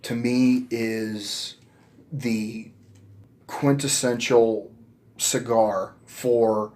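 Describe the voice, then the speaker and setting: Thirties male podcast co-host, relaxed and casual, stumbles and restarts often. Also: medium pitch, drawn-out words. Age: 30s. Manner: relaxed, hesitant with many restarts. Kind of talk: casual chat.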